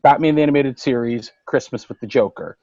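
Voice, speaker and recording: A man co-hosting a casual roundtable podcast, retelling comic book plots in animated detail. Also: medium pitch, fairly quick, no room sound, muffled recording. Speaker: podcast co-host.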